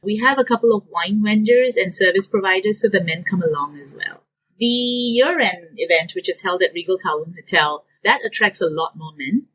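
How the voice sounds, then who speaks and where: A woman's voice: mid-range voice, normal speed, rough recording. A woman from Singapore, a business owner, giving detailed interview answers with some fillers. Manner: detailed, steady explaining with fillers.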